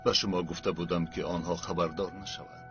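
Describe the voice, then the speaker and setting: A man's voice: low voice, level tone, close to an everyday voice. An actor dubbing an older man, a sick father who firmly refuses treatment. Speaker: patient, father. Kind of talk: dubbed TV drama. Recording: lo-fi with music underneath.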